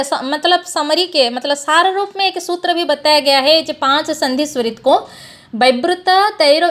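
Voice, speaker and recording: A woman teacher giving an exam coaching lecture, explaining step by step and slowly reciting Sanskrit verses. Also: sits high, a bit bright. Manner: explains step by step, drilling lists.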